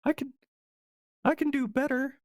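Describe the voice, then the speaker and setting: A man voicing a small, eager male mouse in a tabletop game, in a high squeaky voice. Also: little pitch movement, normal speed, dry recording, studio quality. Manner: squeaky, eager, mimicking sounds.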